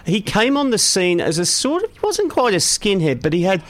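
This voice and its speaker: A man's voice: high-pitched, sing-song, normal speed, no room sound. A man, co-hosting a radio show with casual, dry, mock-prim banter. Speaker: radio co-host.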